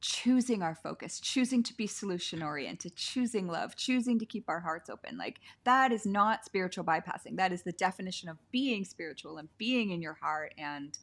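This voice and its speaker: Effusive lower-pitched woman hosting a video call. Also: lively intonation, normal speed, few pauses. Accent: Canadian. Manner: effusive, gushing, laughs often, says "like" a lot. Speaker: podcast host. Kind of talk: warm conversational interview. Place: sitting on the floor at home.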